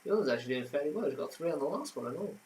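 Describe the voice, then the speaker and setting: A man's voice: on the high side, expressive, very fast, darkish tone, a little hiss or hum, poor audio. A man hosting a casual home quiz, reading answers and adding trivia with frequent fillers. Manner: chatty, reads answers then adds trivia with many fillers. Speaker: quiz host.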